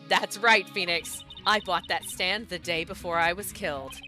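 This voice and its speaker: A woman's voice: on the low side, normal speed, music in the background, lightly acted. A woman voicing a dead sister's spirit channeled through a medium, earnest and guiding, reading a video game role. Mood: assured. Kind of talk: video game character read-aloud.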